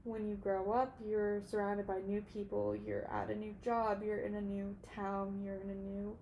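A woman's voice: medium pitch, completely flat delivery, moderate pace, dark tone, muffled recording. Young woman, early twenties, solo podcast host, rambling, emotional, filler-heavy, faint background noise. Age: 20s. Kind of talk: casual solo podcast monologue.

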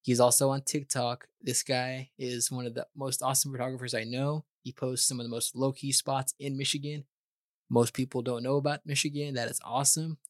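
A man's voice: mid-range voice, little pitch movement, a little fast, no echo, studio quality. A man hosting a podcast, asking questions in an upbeat, enthusiastic way. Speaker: podcast host. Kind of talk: casual interview hosting.

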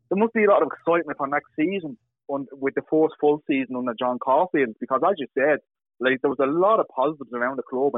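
Male co-host, rapid casual banter, dry narrowband radio-like connection. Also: fairly high pitch, no room sound. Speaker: podcast co-host. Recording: tinny band-limited radio-like line.

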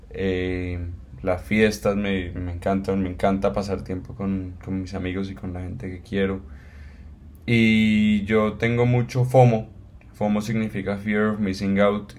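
Colombian guy from cali, 18, kinda low voice, casual podcast chat, lots of ehs. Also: darkish tone, slight background noise. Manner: earnest, loose, with many fillers and restarts. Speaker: podcast co-host.

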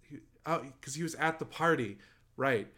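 A man co-hosting a casual film review podcast, laid-back, chiming in with quick agreements and chuckles. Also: on the high side, lively intonation, pushed and bright. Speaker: podcast co-host.

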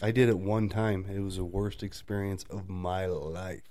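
A man's voice: fairly even intonation, moderate pace, dark tone. A man co-hosting a casual chat, telling stories and often laughing as he talks. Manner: storytelling, mimics people in high voices; laughs often while talking.

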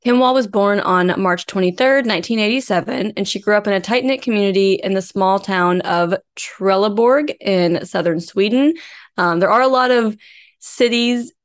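Woman true crime podcaster, average pitch, casual storytelling kinda reading from her notes. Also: moderate pace. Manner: conversational, informal storytelling from researched notes. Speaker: podcast co-host. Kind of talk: true crime podcast, case narration mixed with casual chat.

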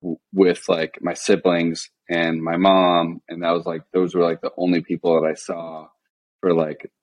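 A young man from the Midwest, chatting as a podcast guest in a flat, deadpan monotone with lots of "like" fillers. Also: low voice, moderate pace. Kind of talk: casual podcast chat.

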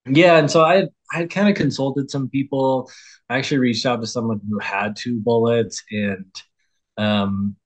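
A man's voice: mid-range voice, steady tone, moderate pace. A man who roasts coffee talking as a podcast guest, easygoing and rambling. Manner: rambling and easygoing, many fillers. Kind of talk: casual interview talk.

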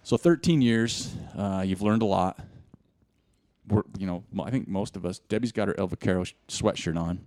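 Man, podcast host, casual chat, fairly low voice, laughs often. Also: dark tone, no room sound, studio quality. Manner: laughs often, quick giggly asides.

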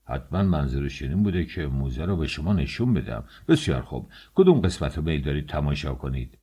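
A man voicing a middle-aged male office chief in an audiobook, speaking in a soft, soothing, patronizing way. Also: very deep voice, big pitch swings, slightly rough, pitched below the performer's own voice, full character voice. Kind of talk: audiobook character voice.

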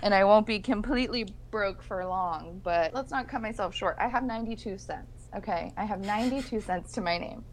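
Young woman with vocal fry, sick. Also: medium pitch, fairly quick, hardly any pauses. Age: young adult. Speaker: podcast co-host. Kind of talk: casual chat.

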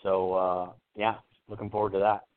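A man phones in to a radio show, and his voice comes through thin and narrow like a telephone line. He sits a little low in pitch and chats casually, friendly, with loose filler pauses. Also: level tone. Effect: caller's voice over a phone line. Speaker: caller to a psychic radio show.

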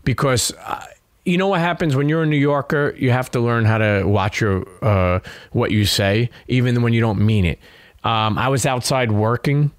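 At a normal speed and in a mid-range voice, a middle-aged Brooklyn man recounts stories candidly during an interview. He sounds streetwise and swears, dropping "you know" throughout. The audio is studio quality with no echo.

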